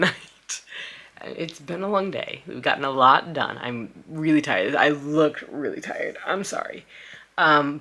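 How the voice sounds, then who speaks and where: In a casual at-home vlog, a young adult woman who hopes to become an author rambles about her writing, correcting herself as she thinks aloud. Her voice is low, pushed and bright.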